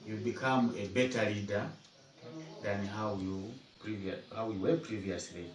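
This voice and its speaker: Guy in his 50s, lowish voice, formal and measured, a bit far from the mic. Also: steady tone, a little hiss or hum. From Uganda. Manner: measured, formal phrasing with repeated words. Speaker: guest, head teacher. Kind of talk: formal interview answers. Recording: echoey room, mic at a distance.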